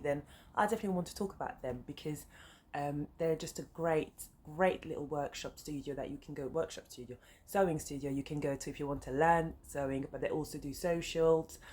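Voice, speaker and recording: Low-pitched and darkish, the voice comes from a woman in her thirties, a native French speaker talking English with a French accent. As a sewing vlogger, she chats casually to camera, rambling and getting sidetracked, with lots of "um"s and side notes. Faint traffic noise from the busy road near her flat is audible.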